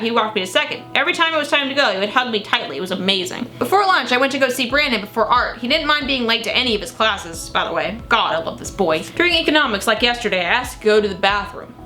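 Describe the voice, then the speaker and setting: A woman's voice: a little high, pushed and bright, rough recording. A young woman reading old teenage diary entries aloud in a dramatic, gushing way, breaking off for casual, sweary asides. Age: young adult. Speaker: vlogger.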